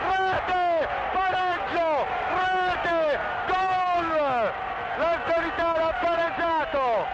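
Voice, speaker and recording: Breathless man screaming goal commentary. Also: very high voice. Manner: repeats words, shouting in excitement. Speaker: football radio commentator. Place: outdoor football stadium. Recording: dull noisy radio broadcast, loud stadium crowd. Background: roaring crowd and loud noise.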